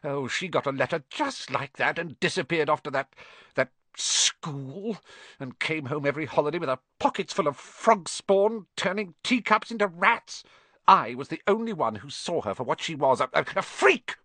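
A man voicing a spiteful, bitter middle-aged aunt who rants in a shrill shriek, in an audiobook story. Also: lively intonation, normal speed, bright, forceful tone, no echo. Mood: shrill, scornful. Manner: shrieking, ranting.

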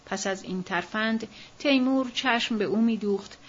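A woman narrating a novel as an audiobook in a measured, even reading voice. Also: fairly high pitch. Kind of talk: scripted literary narration. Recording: dull lo-fi recording.

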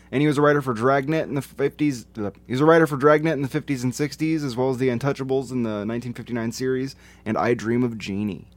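A man's voice: medium pitch, dry recording. A man co-hosting a casual movie review podcast, reading film facts from his notes in a laid-back way. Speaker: podcast co-host.

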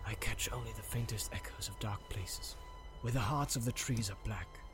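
A man voicing a calm, watchful male elf in a storybook reading, speaking softly and now and then dropping to a whisper. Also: a little high, moderate pace, over music, natural voice. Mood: hushed. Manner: hushed, sometimes sinking to a whisper. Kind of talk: audiobook reading.

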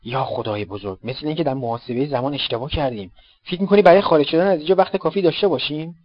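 A man voicing an excitable young male escaped convict who talks eagerly and emphatically. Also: a little high, no echo, voice pushed up, lightly acted. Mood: anxious. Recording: dull lo-fi dry recording.

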